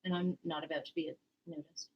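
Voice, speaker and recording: A woman's voice: sits low, flat delivery, fast talker, muffled recording. A woman co-hosting a casual chat, talking easily and laughing often. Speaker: co-host.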